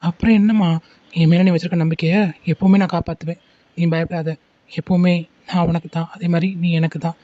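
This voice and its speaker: A woman's voice: lowish voice, level tone, no echo, highs cut off, natural voice. A woman voicing a loving, protective young man in a homemade cartoon, soothing and reassuring. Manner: soothing, reassuring, quick talking. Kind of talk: homemade animated cartoon dialogue.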